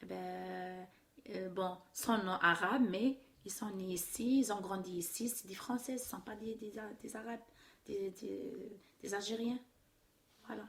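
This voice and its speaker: A middle-aged woman from Algeria, answering interview questions haltingly, with many restarts and trailing off softly. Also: mid-range voice, fairly even intonation, gravelly. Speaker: interviewee, immigrant mother. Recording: echoey room with faint noise.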